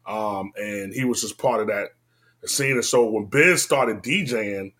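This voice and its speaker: A man in his forties with a Washington, D.C. accent tells his story at a measured pace. His delivery is casual, slangy and laid-back, drifting between loud and low.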